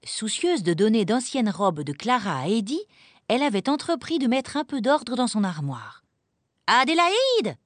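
A woman narrating a children's storybook, reading in an expressive, animated way. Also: a little high, moderate pace, no echo.

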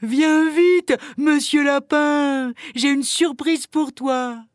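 Easygoing storybook bear lady voiced by a woman, high voice, slow relaxed delivery, dry sound. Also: dry recording. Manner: unhurried, easygoing, affectionate. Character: calm, cheerful, carefree female bear.

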